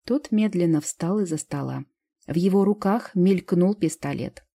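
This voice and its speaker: Woman audiobook narrator: measured reading, dark, husky tone. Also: lowish voice. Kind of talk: scripted first-person narration.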